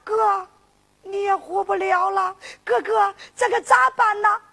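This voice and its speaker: A woman's voice: extremely high pitch, steady tone, unhurried, pushed and bright, full character voice. A woman with a Henan accent voicing a distressed young woman who pleads tearfully for her brother, in a zhuizi storytelling performance. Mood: anxious.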